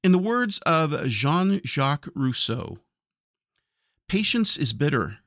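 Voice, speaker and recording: A man's voice: a little high, very animated, takes it slowly, bright, forceful tone, no room sound, studio quality. A man hosting a podcast, giving casual, reflective commentary. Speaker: podcast host of classic radio comedy.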